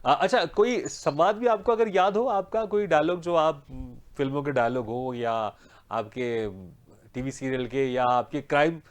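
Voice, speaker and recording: A man's voice: fairly high pitch, measured pace. A male TV host asking long, rambling questions full of repeated words, laughing and encouraging his guest. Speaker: host, interviewer. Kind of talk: TV interview.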